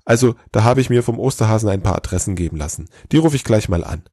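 A man voicing an eager, excited male head elf who gushes without pausing for breath. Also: fairly low pitch, slightly rough, no echo, clean studio sound, pitched above the performer's own voice. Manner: rushed, gushing, talks without pausing.

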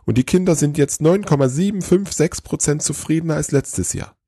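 A man voicing an excitable small male elf who rushes his words out in breathless eagerness, read as a storybook figure. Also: breathy edge, no echo, clean studio sound. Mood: enthused. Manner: high, rushing, breathless eagerness. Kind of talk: storybook reading.

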